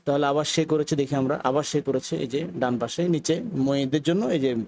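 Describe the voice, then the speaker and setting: A young man teaching grammar in a video lesson, patiently repeating words slowly for practice. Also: a little high, steady tone, darkish tone, slight background noise.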